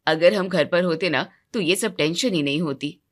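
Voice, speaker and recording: A woman voicing a weary grown man, a quiet husband in an animated storybook, speaking in a subdued, lowered voice. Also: normal speed, natural voice. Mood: reasoning. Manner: subdued, low-key, quietly complaining.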